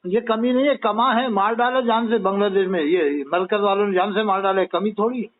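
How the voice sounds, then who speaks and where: A man's voice: high voice, brisk. Argumentative man on a phone line. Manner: argumentative, talks over the caller. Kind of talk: heated phone debate.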